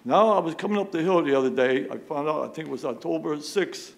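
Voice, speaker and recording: A man's voice: fairly high pitch, fast, creaky. A man speaking during public comment at a town meeting, pressing his complaint with repeated rhetorical questions. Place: town police commission meeting room.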